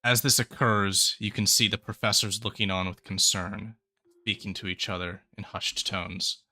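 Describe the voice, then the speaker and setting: A man's voice: fairly low pitch, level tone, normal speed, sharp tone. A man narrating as game master of a tabletop game in an easygoing, descriptive way.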